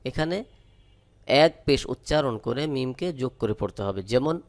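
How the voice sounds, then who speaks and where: Bangladeshi guy teaching quran reading, spells it out then chants slow, smooth clear voice. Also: mid-range voice, animated. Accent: Bangladeshi Bengali. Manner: slow, drawn-out chanted recitation between plain explanations. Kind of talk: spelling-out Quran recitation lesson.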